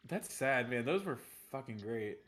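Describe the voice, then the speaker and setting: A man hosting a let's play over a desk microphone. His talk is casual and loose, full of laughter and offhand swearing. His pitch sits in an ordinary middle range. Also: animated, a little slow, a bit bright. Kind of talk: casual gaming chat.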